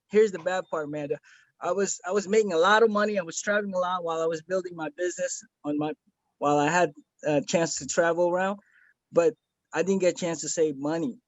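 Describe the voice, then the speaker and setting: Over a video call, a man from the Philippines gives an earnest, rambling testimonial in casual chat, full of fillers and restarts. His voice is a little high, with no echo and a dull audio quality.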